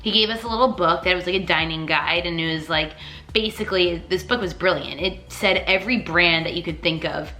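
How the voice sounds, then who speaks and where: A woman's voice: lowish voice, a little fast, bright, forceful tone. Emotional woman vlogger in an echoey room. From Long Island, New York. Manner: emotional, rambling, lots of "like". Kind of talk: personal storytelling to camera. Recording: echoey room with faint music.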